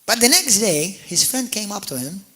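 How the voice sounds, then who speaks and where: This sermon comes from a Maltese pastor whose voice sits high and moves at a moderate pace. Full of energy, he tells stories to the congregation face to face, with frequent word repetitions and restarts.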